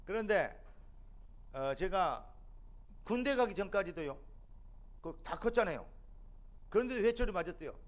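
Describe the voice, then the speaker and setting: A middle-aged man preaching a sermon as a pastor in a church, building to loud, emphatic peaks. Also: high-pitched, lively intonation, moderate pace, long pauses. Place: church sanctuary.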